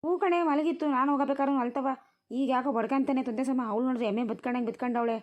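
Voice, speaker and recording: A woman's voice: sits high, steady tone, fast, lightly acted. Woman voicing a scolding village grandma. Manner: nagging, scolding rural speech. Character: scolding village grandmother, tired and sharp-tongued. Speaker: grandmother tending a newborn.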